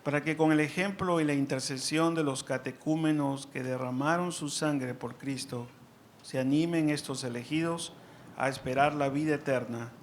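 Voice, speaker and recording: A man speaking as a priest at Mass, in a measured, solemn way with pauses between short phrases. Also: a little high, slight background noise. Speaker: priest preaching and leading prayers at Mass. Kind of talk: sermon and liturgical prayer. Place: church during Mass.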